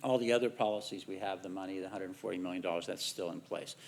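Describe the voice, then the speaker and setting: A middle-aged American man, a researcher giving a conference talk, measured in tone with dry asides. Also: sits low, darkish tone. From United States. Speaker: researcher presenting findings.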